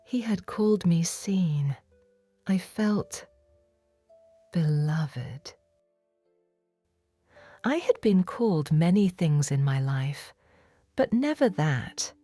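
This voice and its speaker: A woman voicing a repentant, forgiven woman of biblical times in a whispered role-play, telling her story in a hushed, reverent, intimate first person. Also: fairly low pitch, animated, slow, pauses often, dry recording, faint music behind. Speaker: audiobook narrator.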